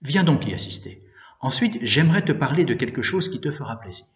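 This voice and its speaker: A man playing a gentle, kindly priest. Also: medium pitch, very animated, brisk, reverberant, highs cut off, close to an everyday voice. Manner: gentle, questioning.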